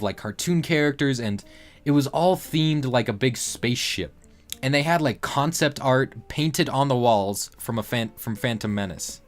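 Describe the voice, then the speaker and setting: A man in his late teens hosting a casual livestream, rambling along with lots of fillers and restarts. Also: medium pitch. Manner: rambling, loose talk full of fillers and restarts. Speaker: livestream host.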